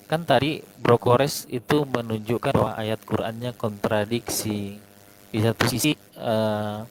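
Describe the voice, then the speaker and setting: A man in an online debate whose voice keeps breaking up over a bad connection, arguing methodically and quoting verses with hesitant "eh"s. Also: mid-range voice. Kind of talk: argumentative debate over a voice chat. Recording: noisy online call with hum and dropouts.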